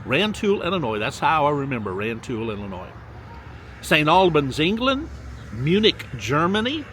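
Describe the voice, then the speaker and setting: By a lakefront outdoors, an older Mississippi vlogger gives casual shout-outs, reading where his viewers are watching from. His slightly high, fairly bright voice moves at normal speed in a sing-song way, stretching place names and adding chatty asides, with slight background noise.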